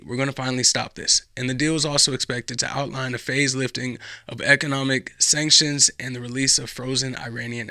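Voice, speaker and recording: A man's voice: mid-range voice, gravelly, sharp tone, no echo, clean studio sound. A young American man giving casual political commentary as a podcast host, rambling and often restarting his sentences. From United States. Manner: rambling, repeats himself, frequent restarts.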